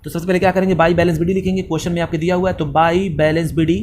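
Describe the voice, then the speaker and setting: Fast-talking high-voiced male teacher. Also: flat delivery, darkish tone, a little hiss or hum. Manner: fast-talking, asks questions and answers them himself. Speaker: accounts teacher. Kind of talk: fast classroom lecture.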